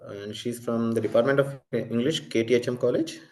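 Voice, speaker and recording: A man moderating an online academic conference, speaking in a halting way with small corrections. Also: medium pitch, steady tone, darkish tone. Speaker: academic session chair. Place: online video call.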